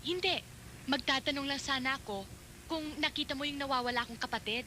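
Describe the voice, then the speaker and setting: A woman's voice: sits high, fairly quick, sharp tone, a little hiss or hum. An actress playing a feisty, earnest woman searching for her sibling, in film dialogue.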